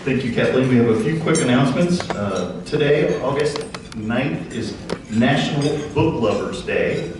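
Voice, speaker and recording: A man presiding over a club meeting, running through announcements briskly and stumbling over the odd filler. His mid-pitched voice comes from a distance in a very echoey hall. There is steady noise underneath. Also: a crowd in the background. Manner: brisk, with frequent hesitations. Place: large meeting hall during a lunch.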